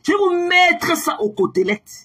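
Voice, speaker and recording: A woman ranting angrily on her own livestream, taunting viewers with repeated mocking questions and bursts of shouting. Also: extremely high pitch, very animated, moderate pace. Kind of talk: angry livestream rant at viewers.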